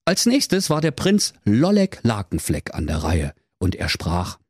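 A man narrating a comic bedtime story in a playful, animated way. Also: on the low side, unhurried, breathy edge, no echo, clean studio sound.

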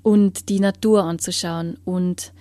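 A woman giving an earnest personal testimony in an interview, often sinking into a hushed whisper as she searches for words. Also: fairly low pitch, fairly even intonation, slow, dry recording.

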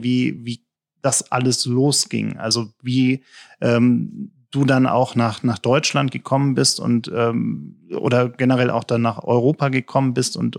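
A man's voice: medium pitch, creaky. A man interviewing a guest, asking long, rambling questions full of fillers. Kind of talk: conversational interview.

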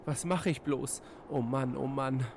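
A man's voice: fairly low pitch, sing-song, slow pace, a little hiss or hum. A man voicing a kindly man who lets freezing animals into his forest hut, in a family reading of a rhymed storybook. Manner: exclaiming, warmly welcoming.

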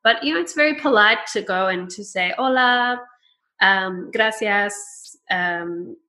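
A woman's voice: medium pitch, unhurried, pushed and bright. A young woman hosting a podcast in casual chat, chatty and laughing often as she mimics phrases. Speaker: podcast host.

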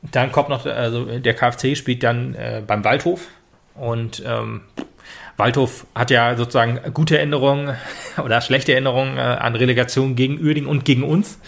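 A man's voice: medium pitch, fairly even intonation, normal speed, vocal fry, a bit bright. A man co-hosting a casual football podcast, talking hesitantly with many fillers and restarts. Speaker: podcast co-host.

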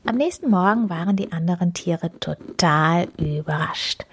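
A woman reading a picture book aloud to children, expressive and often dropping to a whisper. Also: fairly low pitch, moderate pace, breathy edge. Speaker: story reader.

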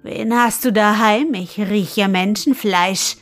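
Gruff, demanding male griffin in a storybook, read by a woman, loud and slow, faint music behind. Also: medium pitch, close to an everyday voice. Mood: grumbling. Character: gruff male griffin, golden-feathered, irritable.

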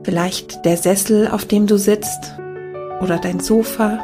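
A woman leading a guided meditation in a soft, calming, unhurried manner. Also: mid-range voice. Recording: background music behind the voice. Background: meditation music.

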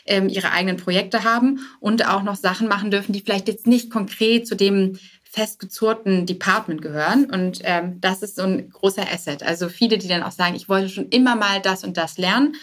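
A woman interviewed on a podcast as a founder talks conversationally, dropping English business jargon into her speech. Her voice is mid-range and a little bright, and she speaks fairly quickly.

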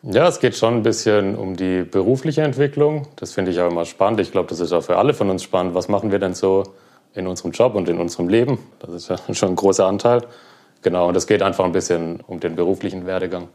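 Young man, very deep voice, interview guest, relaxed, lots of fillers. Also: fast. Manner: relaxed, many fillers like ähm and genau. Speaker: guest, cloud platform engineer. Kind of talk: casual interview.

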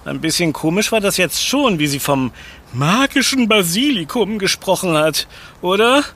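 An excitable ghost-hunting youngster. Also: male voice, sits high, normal speed, full character voice. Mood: curious. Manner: eager and excitable. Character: curious, jumpy young guy who loves ghost stories. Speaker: Ben, lead in audio drama. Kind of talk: children's audio drama acting.

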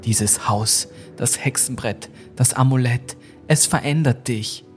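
A man's voice: medium pitch, slow pace, faint music behind, close to an everyday voice. A man voicing a frightened young woman in a spooky story, pleading and tearful. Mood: panicked.

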